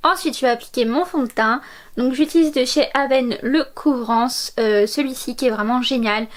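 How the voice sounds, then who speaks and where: High-pitched chatty young woman vlogger. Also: moderate pace. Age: 20s. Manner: chatty, many fillers, enthusiastic about products. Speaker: beauty vlogger. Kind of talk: makeup tutorial narration.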